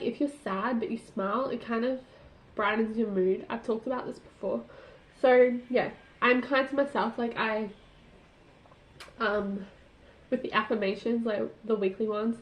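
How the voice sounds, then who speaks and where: A woman hosting a casual solo podcast, chatting with lots of "like" fillers and laughing at herself, recorded on a tablet's built-in mic. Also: a little high. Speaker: podcast host. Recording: roomy, dull tablet recording.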